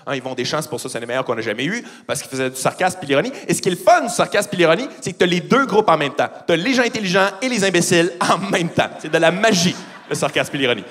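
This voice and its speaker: A man's voice: a little high, lively intonation, rapid-fire, fairly bright tone. A man with a Québécois accent doing a profane stand-up comedy routine on a theatre stage, teasing the audience. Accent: Québécois French. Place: large theatre stage before a live audience.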